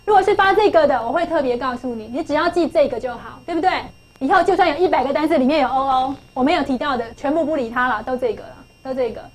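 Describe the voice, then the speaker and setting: Woman, high pitch, middle-aged, classroom teacher, coaxing, repeats herself. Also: fast talker, poor audio. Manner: coaxing, asks pupils questions, repeats key phrases. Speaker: English teacher. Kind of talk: classroom phonics lesson.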